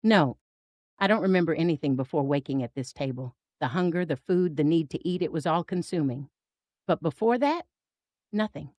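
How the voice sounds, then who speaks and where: A woman's voice: sits low, lively intonation, moderate pace, a little mellow, dry recording. A woman voicing a frightened, bewildered woman trapped in hell in a horror story, anxious and hesitant. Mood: bewildered dread.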